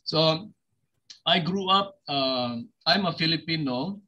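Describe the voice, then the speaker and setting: A man's voice: fairly high pitch, takes it slowly, bright, forceful tone, highs cut off. A man from Sabah, East Malaysia, sharing his testimony as a pastor over a video call, hesitant and full of fillers. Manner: hesitant, many fillers, switches between English and Malay. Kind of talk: testimony sermon with scripture reading.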